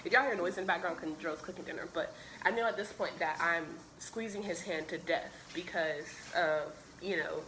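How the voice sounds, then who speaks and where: A woman's voice: on the low side, pushed and bright, slight background noise, rough recording. A woman vlogger recounting a personal story at home in a chatty, emotional way, full of fillers.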